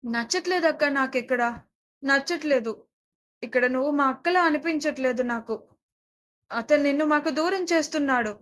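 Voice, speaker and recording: A woman's voice: high voice, normal speed, long pauses, fairly bright tone. A woman voicing a sad young boy who pleads with his older sister in an audio story. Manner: pleading, heartfelt.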